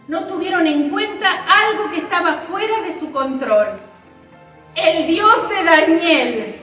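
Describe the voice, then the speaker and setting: A woman's voice: very high-pitched, a bit bright. A woman preaching a sermon in a church, fervent and emphatic. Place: church hall. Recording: roomy church hall, mic at a distance, faint music.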